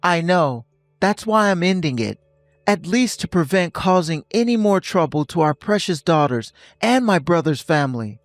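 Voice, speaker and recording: A man in his fifties voicing a stern husband who speaks calmly and coldly, lecturing his wife. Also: fairly high pitch, normal speed, dry recording, studio quality, soft background music, close to an everyday voice. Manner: calm, cold and lecturing. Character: stern husband ending a toxic marriage.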